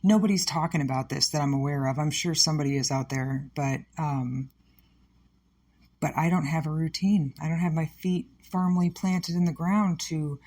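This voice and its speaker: A woman's voice: deep voice, dark tone. A woman hosting a personal podcast, talking frankly and reflectively about her own life and questioning herself. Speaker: podcast host. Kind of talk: candid personal podcast monologue.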